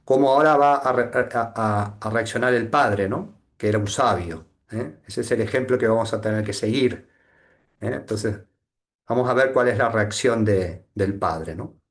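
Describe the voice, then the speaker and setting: A man's voice: lowish voice, normal speed. Reflective Argentine spiritual teacher, man. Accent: Argentine Spanish. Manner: reflective, hesitant, constant tag questions. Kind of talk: satsang talk with reading.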